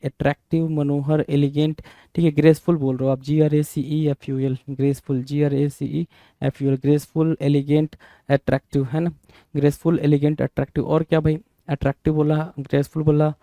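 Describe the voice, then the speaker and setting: A man with a slightly high but dark-toned voice teaches vocabulary for an exam, regularly spelling terms letter by letter and saying them again. He keeps checking in with those listening, and the recording has no echo.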